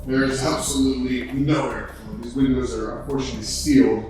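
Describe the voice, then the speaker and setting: A man's voice: mid-range voice, fairly even intonation, brisk, rough recording. A man on a paranormal investigation team, talking casually like an eyewitness giving an account. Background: music.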